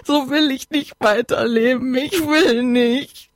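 A woman's voice: sits high, fairly even intonation, slow pace, no room sound, studio quality, voice pushed up. A woman reader voicing a distraught young woman friend who sobs and despairs over being alone, in an audiobook. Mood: sobbing despair. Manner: tearful, despairing, wailing. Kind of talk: audiobook reading.

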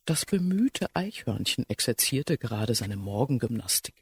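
A man narrating a children's fairy tale in an expressive, animated way. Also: medium pitch, moderate pace, breathy edge, no room sound. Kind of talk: scripted storybook narration.

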